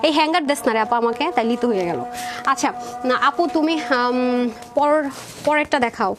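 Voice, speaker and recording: A woman presenting dresses in a live sales stream, chatty and rapid, calling viewers sister. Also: high-pitched, music in the background. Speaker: online clothing seller.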